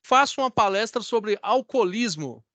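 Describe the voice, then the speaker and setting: High-voiced Brazilian instructor on a video call. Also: male voice, lively intonation, normal speed, pushed and bright, no echo. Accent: Brazilian Portuguese. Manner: conversational, checks in with students often. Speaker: course instructor. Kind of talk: online class lecture.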